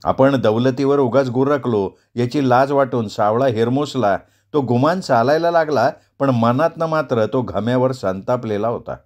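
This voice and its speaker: A man's voice: mid-range voice, moderate pace, hardly any pauses. A man narrating a novel in storytelling style, acting out the characters' dialogue. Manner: expressive, acts out dialogue voices.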